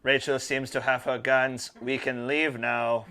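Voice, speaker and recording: A man at a tabletop game speaks as a player in a dry, matter-of-fact manner. His voice is ordinary in pitch, and he talks plainly and briefly. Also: flat delivery, measured pace, bright, forceful tone, a little hiss or hum. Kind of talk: casual tabletop game chat.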